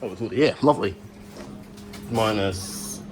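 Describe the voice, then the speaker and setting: A man with a lowish voice speaks at a moderate pace in casual travel vlog commentary, recorded while moving through a plane and an airport. Engine and travel sounds are clearly present in the background.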